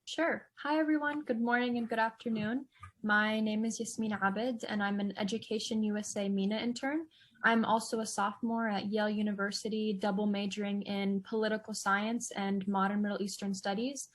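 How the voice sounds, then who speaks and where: A college student around twenty, from California, introducing herself on an online session in a friendly, upbeat way. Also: female voice, medium pitch, steady tone, moderate pace. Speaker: student presenter. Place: video call.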